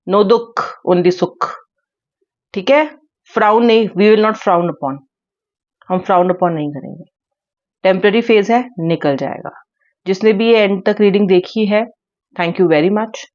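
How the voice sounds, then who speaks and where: Earnest woman tarot reader addressing viewers, medium pitch, lo-fi sound. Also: darkish tone. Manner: earnest, repeats key words, mixes Hindi and English. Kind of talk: tarot reading monologue.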